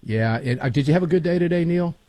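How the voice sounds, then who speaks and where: A man's voice: on the high side, fast, warm tone, dry recording. A middle-aged man hosting talk radio in an emphatic, folksy way, repeating phrases for punch, on a studio mic. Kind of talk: radio show hosting with sponsor reads. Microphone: close studio broadcast microphone.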